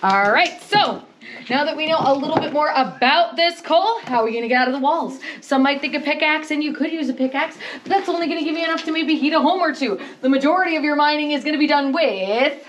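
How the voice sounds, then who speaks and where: High-voiced woman guiding a mine tour. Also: quick pace, a bit bright, a little hiss or hum. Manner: chatty, joking, explanatory patter. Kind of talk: guided tour explanation. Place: underground coal mine tunnel.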